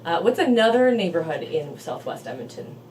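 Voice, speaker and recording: A woman hosts a relaxed interview, talking in a chatty way and asking follow-ups. Her voice sits a little low. She is set back from the microphone, and a faint hiss runs underneath. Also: fairly quick, distant mic, rough recording. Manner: chatty, asks follow-up questions. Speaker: real estate video host. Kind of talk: casual interview.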